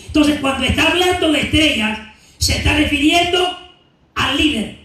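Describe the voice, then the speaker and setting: A man preaching a Bible teaching to his congregation, asking them questions and answering them himself, and reading scripture slowly and deliberately. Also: very high voice, animated, sharp tone. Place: church sanctuary. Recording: echoey church hall, mic at a distance.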